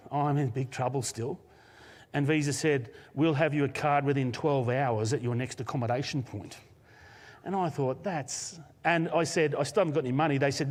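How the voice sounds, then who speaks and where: A man with an Australian accent, a senior pastor, telling a personal story in a live sermon with lively laughs. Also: mid-range voice. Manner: animated storyteller, laughs often. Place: church auditorium, live service. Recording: long hall reverb.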